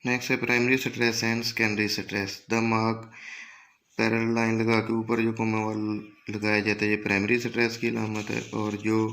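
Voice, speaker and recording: A man teaching an exam-prep grammar lesson, reading English sentences slowly and then explaining quickly in Urdu-Hindi. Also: lowish voice, completely flat delivery, a bit bright, rough recording.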